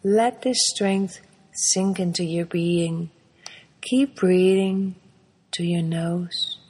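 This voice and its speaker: A woman leads a guided meditation in a soft, breathy voice that sits a little low. She moves through her instructions slowly and gently, leaving long pauses between phrases. A long reverb trails after her words. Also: fairly even intonation.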